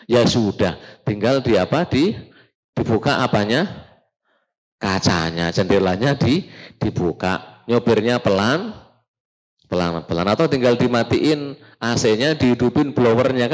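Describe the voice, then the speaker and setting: A man teaching a religious study session to a live audience, lively and joking, often asking the room questions. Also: medium pitch, measured pace, long pauses, low-quality recording. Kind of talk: casual Islamic study talk.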